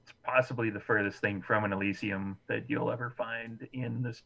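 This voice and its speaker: Man game master for a live stream, bright voice, easygoing, dull lo-fi sound. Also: fairly low pitch, normal speed, gravelly. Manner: relaxed, laughs easily. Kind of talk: live tabletop game narration.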